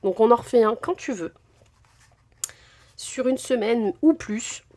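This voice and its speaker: A woman's voice: fairly high pitch, unhurried, darkish tone. Woman vlogger, casual unboxing chat, effusive, lots of fillers. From France. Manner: chatty, gushing, many fillers. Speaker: crafting vlogger.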